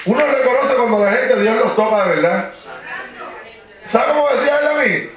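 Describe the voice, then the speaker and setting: A man preaching a fiery sermon, shouting praise between phrases and dropping low to tell stories, recorded from far off in a church hall. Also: moderate pace. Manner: drops to a low storytelling voice for anecdotes. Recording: echoey hall from far off, crowd behind.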